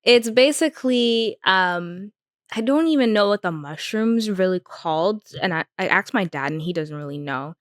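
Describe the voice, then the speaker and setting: A woman's voice: medium pitch, animated, moderate pace, no room sound, studio quality. A young woman co-hosting a podcast, chatting casually with lots of filler words. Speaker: podcast co-host. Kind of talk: casual chat.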